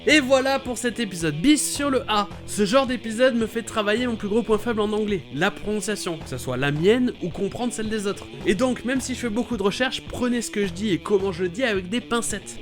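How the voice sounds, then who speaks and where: A man hosting a playful scripted explainer about English vowel sounds, talking with lively enthusiasm. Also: high-pitched, brisk, few pauses, soft background music. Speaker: YouTube host explaining English pronunciation.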